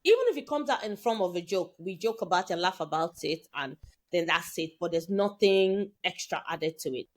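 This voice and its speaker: A woman's voice: lowish voice, moderate pace. A woman from Nigeria co-hosting a casual chat, telling stories with lots of quoted dialogue. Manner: animated storytelling with quoted dialogue. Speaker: co-host.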